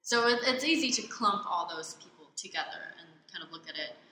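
A woman from Hong Kong, answering interview questions thoughtfully, with many pauses and fillers. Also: medium pitch, lively intonation, bright, forceful tone, slight background noise. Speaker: interviewee, art student. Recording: echoey space with faint ambience.

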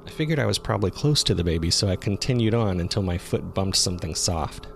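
A narrator takes on the role of a jogger from nearby who made a horrifying discovery in the woods, performing scripted first-person horror. His deep voice creaks heavily and has lively intonation, while the pacing remains measured, suspenseful and uneasy. Ambient effects and faint music play underneath.

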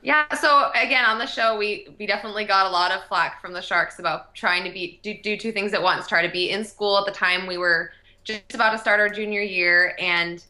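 A woman's voice: mid-range voice, a little fast, pushed and bright. A young adult woman, a company co-founder, giving eager, upbeat answers as a guest in a casual interview.

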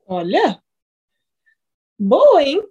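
Casting: young Brazilian woman, high bright voice, playful and quick to laugh, casual podcast guest. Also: wildly swooping pitch, lo-fi sound. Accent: Brazilian Portuguese. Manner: playful, laughs often, jokes in broken English. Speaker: guest, professional basketball player.

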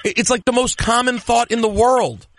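A man hosting a podcast, talking in an animated, opinionated way in casual chat. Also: very high voice, moderate pace. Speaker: podcast host.

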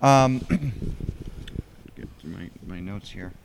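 A man interviewing an auction worker, curious and halting, often repeating his words as he asks questions. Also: on the low side, gravelly, noisy background. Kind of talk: casual interview.

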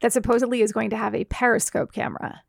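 A woman hosting a tech podcast, playful and quick to laugh as she leads the chat and reads segment intros. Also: on the high side, flat delivery, vocal fry, dry recording. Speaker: podcast host.

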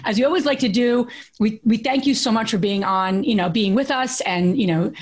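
A woman in her thirties co-hosting a podcast, telling stories in a lively, chatty way with many fillers and restarts. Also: a little high, fairly quick. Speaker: podcast co-host. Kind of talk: casual podcast chat.

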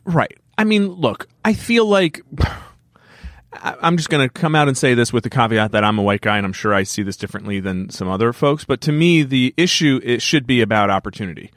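A man's voice: medium pitch, fairly quick, a bit bright, dry recording, clean studio sound. A man co-hosting a casual podcast conversation about awards, talking candidly with self-aware asides. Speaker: podcast host. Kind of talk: casual chat.

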